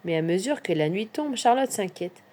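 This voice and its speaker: A woman narrating a children's Christmas story in an expressive storyteller's manner. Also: medium pitch, moderate pace. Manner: expressive, lilting.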